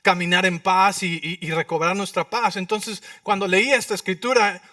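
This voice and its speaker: A male pastor preaching in a high, bright voice that jumps from quiet asides to loud bursts as he acts out prayers and dialogue. He keeps checking in with the congregation through quick rhetorical questions. The sound is dry, with the voice a little distant from the mic. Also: dry recording. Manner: animated preaching, acting out prayers and dialogue with sudden loud outbursts; asks the congregation for agreement with frequent rhetorical questions. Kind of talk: sermon. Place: church.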